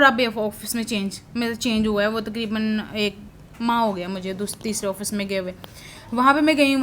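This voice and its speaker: A woman with a notably high voice shares a personal testimony in a prayer session. She rambles and hesitates, often restarting sentences as she recalls her office work. A faint hiss sits under her voice.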